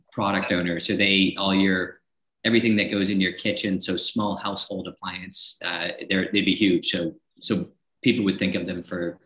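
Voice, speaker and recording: A man co-hosts a casual podcast chat with a very deep, low voice. He explains things eagerly and often restarts his sentences. The sound is roomy and echoey. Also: a bit bright. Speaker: podcast co-host. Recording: roomy echo.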